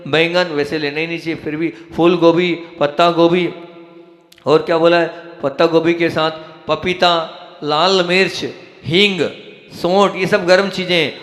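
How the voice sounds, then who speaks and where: His tone level and a bit bright, a man on the high side speaks as a spiritual lecturer about eating with the seasons. He reels off lists of foods at speed and hammers home cautions, all captured in a reverberant hall.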